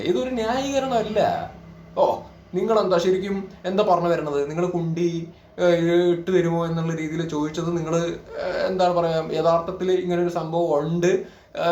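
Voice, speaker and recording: A reaction video creator with a fairly high, slightly mellow voice delivers opinionated commentary, scolding and indignant, heavy on emphasis and rhetorical questions. The room he records in is echoey.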